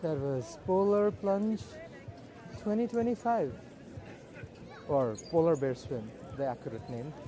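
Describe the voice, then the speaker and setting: A man giving casual, unhurried walking commentary as a live vlogger, speaking in short observational phrases outdoors. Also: on the high side, lively intonation, mellow, slight background noise. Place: outdoors at a busy beach and streets. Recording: outdoor crowd and street bustle. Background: crowd.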